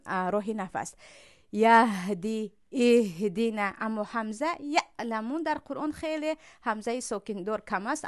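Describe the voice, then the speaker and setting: A woman with a Tajik accent gives a patient pronunciation lesson, stretching out throat sounds and saying them again and again. Her voice sits a little high. She explains each point plainly, as a recitation teacher would. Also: clear, resonant tone. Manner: slowly demonstrates and repeats sounds from the throat.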